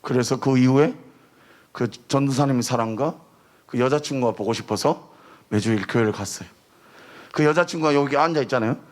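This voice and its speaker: A man giving a sermon as a missionary preacher, telling his testimony in an animated, storytelling way and rising to emotional near-shouting at the high points. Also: a little fast, long pauses. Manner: animated storytelling, acting out quoted voices. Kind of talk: sermon testimony to a youth service.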